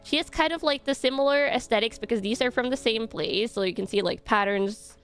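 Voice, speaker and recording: A woman's voice: on the high side, fairly quick. Chatty woman ranking outfits. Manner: chatty and rambling, many fillers, giggly. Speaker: content creator. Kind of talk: casual ranking commentary. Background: soft background music.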